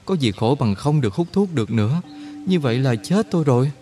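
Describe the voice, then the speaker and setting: A man voicing an excitable young male soldier who talks fast and his voice shoots up into high, agitated exclamations. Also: soft background music, close to an everyday voice. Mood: anxious.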